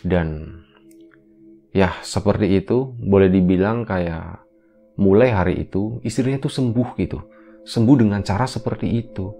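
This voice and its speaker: A man's voice: lowish voice, unhurried, creaky, long pauses, warm tone, faint music behind. Casual man telling a ghost story. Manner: casual, conversational slang with many fillers. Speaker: horror podcast host.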